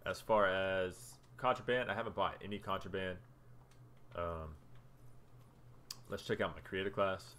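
A man's voice: sits low, fairly even intonation, unhurried, long pauses, fairly bright tone, slight background noise. A young man casually talking through his game stats as a gaming video creator, chatty and loose while scrolling through menus. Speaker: gaming YouTuber. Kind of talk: casual gameplay commentary.

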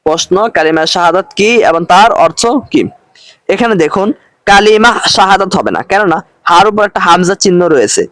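Male teacher, higher voice, dry close sound, patient and repetitive explanation. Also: animated, a bit bright, dry recording. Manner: slow, patient explanation, repeating each phrase with its translation. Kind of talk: recorded lesson.

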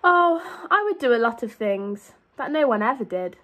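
A young woman who teaches primary school reads a children's book aloud at normal speed. Her voice is a little high and fairly bright, with lively intonation, and she draws out important words expressively.

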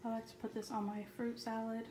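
Flat-voiced woman vlogger in an echoey kitchen. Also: a little high, brisk. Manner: relaxed, matter-of-fact listing. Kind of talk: grocery haul voice-over. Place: home kitchen. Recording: echoey room with clear background noise.

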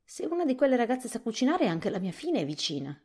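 A woman reading a storybook softly, voicing an anxious, childlike pumpkin-headed man. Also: a little high, very animated, quick pace, breathy edge, pitched above the performer's own voice. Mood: fretful. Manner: fretful, plaintive.

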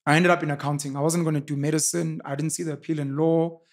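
South African man in his thirties, podcaster guest, confident storyteller, slightly raised pitch, close podcast mic. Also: flat delivery, fast. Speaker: podcaster and YouTuber. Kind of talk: casual interview conversation. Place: studio with sofas, indoors. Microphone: boom-arm podcast mic.

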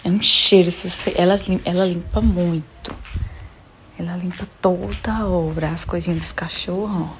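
A woman's voice: on the low side, fairly even intonation, normal speed, darkish tone, a little hiss or hum. A woman, chatting casually to camera at home as she shows things off. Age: 30s. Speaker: digital influencer. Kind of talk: casual vlog chat. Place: bedroom at home. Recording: echoey room.

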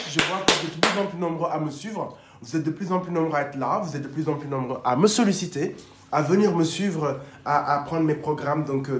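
Man, dating coach on a phone livestream, fairly high voice, echoey room, chatty, upbeat. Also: a little hiss or hum. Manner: chatty, upbeat, coaxing viewers to share. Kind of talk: casual livestream chat.

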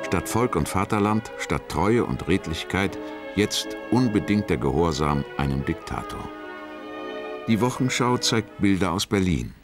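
A man with a deep voice narrates a historical documentary. He speaks in measured, scripted statements over clearly audible music. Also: expressive. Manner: short, measured declarative phrases.

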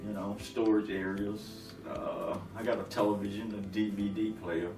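Low-voiced man chatting from a distance. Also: flat delivery, normal speed. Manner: easygoing, rambling, many fillers and restarts. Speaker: long-haul truck driver, interview guest. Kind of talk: relaxed conversational interview. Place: living room, seated on a sofa. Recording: roomy, distant, with music underneath.

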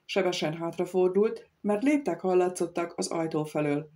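A woman's voice: lowish voice, mellow. Woman reading an audiobook. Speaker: audiobook narrator.

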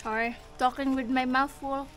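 A woman's voice: high-pitched, flat delivery, normal speed, a bit bright, slight background noise. A woman in her thirties with a Filipino accent, chatting informally to viewers in a casual home vlog. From Philippines. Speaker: family vlogger.

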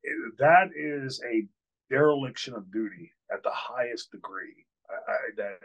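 On a low-quality webcam recording from a hotel room, an older man who hosts and formerly wrestled tells a candid story for an interview. He speaks a little slowly in an animated, medium-pitched voice, with many fillers and restarts along the way.

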